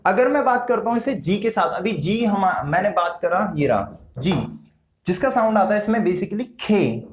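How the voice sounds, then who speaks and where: A man teaching a casual spoken lesson, slow and patient, repeating each sound several times with frequent hesitant fillers. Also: high-pitched, expressive. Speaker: language teacher. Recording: roomy echo.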